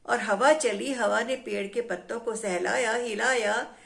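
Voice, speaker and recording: Slow, lilting woman telling a children's story. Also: on the high side, gravelly, fairly bright tone. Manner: rhythmic and repetitive, often laughing and asking the listeners questions.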